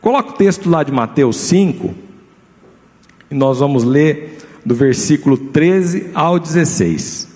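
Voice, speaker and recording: A Brazilian pastor with a Brazilian Portuguese accent preaches a sermon in an expressive, darkish voice that sits a little high for a man. He keeps turning to the congregation with quick rhetorical questions, and the church adds a long hall reverb.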